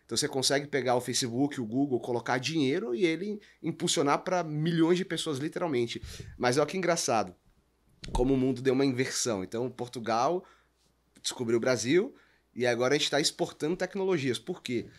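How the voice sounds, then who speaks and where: With a medium-pitched voice running a little fast, a man with a Brazilian accent explains business on a podcast. He leans on examples in a conversational way, sounding emphatic and didactic, and often poses questions he doesn't expect answered.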